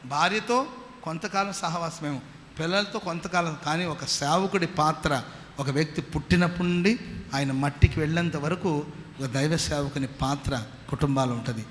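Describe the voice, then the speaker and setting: A man's voice: a little high, normal speed, a bit bright. A man with a Telugu accent preaching a sermon as pastor, firing rhetorical questions at the congregation and answering them himself. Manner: call-and-response preaching with rhetorical questions and repeated hallelujahs. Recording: long hall reverb with faint noise.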